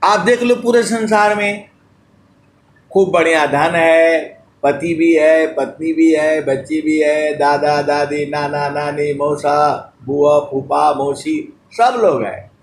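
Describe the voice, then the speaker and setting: A man giving a devotional sermon, drawing out sung verses slowly and turning fondly to his listeners between them. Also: fairly high pitch, fairly even intonation, roomy sound, a little hiss or hum. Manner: slow drawn-out chanting of verses between spoken teaching. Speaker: spiritual preacher.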